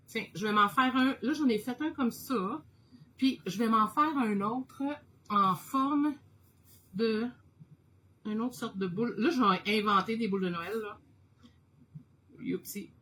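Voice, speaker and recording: Excitable Québécoise woman painting live. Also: fairly high pitch, a little hiss or hum, rough recording. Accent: Québécois French. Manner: excitable, chatty, laughs often. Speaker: host of an art live stream. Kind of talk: casual live-stream chat while painting.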